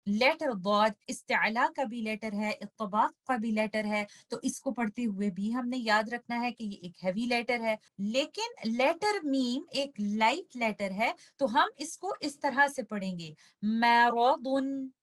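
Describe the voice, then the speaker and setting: A woman with an Urdu accent teaching Tajweed, patiently explaining each rule and then slowly reciting the example words. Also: on the high side, lively intonation. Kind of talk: step-by-step recitation lesson.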